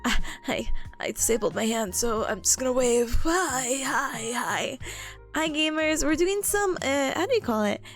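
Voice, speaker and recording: A woman's voice: sits high, animated, a little slow, creaky, faint music behind. A young woman chatting casually on a livestream in a cutesy, bubbly manner, playfully repeating little words. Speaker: VTuber streamer hosting a co-working stream.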